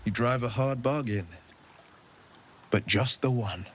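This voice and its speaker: An actor plays a courtly, romantic young adventurer in a fantasy video game, sounding tender and bashful as he uses gallant, poetic phrasing. His natural male voice is medium-pitched and slow, with a little hiss or hum in the recording.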